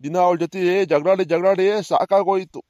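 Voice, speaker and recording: A man voicing a gentle old village grandfather who calmly forgives, for a cartoon. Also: high-pitched, a little fast, dry recording, close to an everyday voice. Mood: consoling. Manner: calm, consoling. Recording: dull lo-fi sound.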